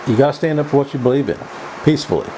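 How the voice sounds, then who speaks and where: A man giving a casual, opinionated vlog monologue in a folksy, halting way, often repeating his words as he goes. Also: medium pitch, noisy background. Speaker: vlog host. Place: indoors.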